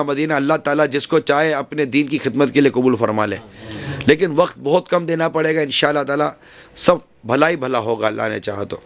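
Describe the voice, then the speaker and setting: A man preaching to a women's gathering, giving earnest advice and often repeating and rephrasing his points. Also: fairly high pitch. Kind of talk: religious speech.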